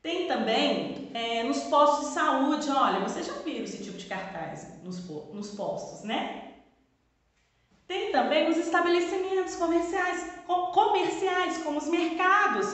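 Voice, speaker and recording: A woman's voice: sits high, a bit bright. A woman teacher with a Brazilian Portuguese accent giving a recorded lesson to pupils, stretching words to stress syllables and answering her own questions. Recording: echoey room with long reverb.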